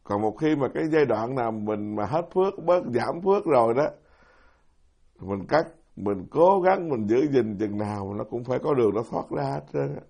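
A man's voice: medium pitch, lively intonation, moderate pace, creaky, a little mellow. A middle-aged man, a Buddhist monk giving a folksy, self-deprecating dharma talk who keeps putting questions to his audience. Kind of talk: sermon.

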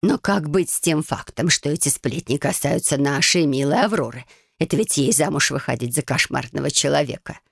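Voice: mid-range voice, lively intonation, fairly quick, creaky, no room sound, clean studio sound. A reader doing a caring motherly woman. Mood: gentle.

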